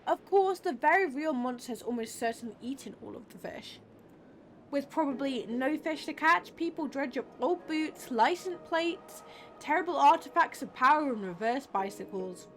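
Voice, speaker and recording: A woman's voice: high-pitched, lively intonation, moderate pace. A woman voicing a chatty, rambling small-town tourism officer in a game.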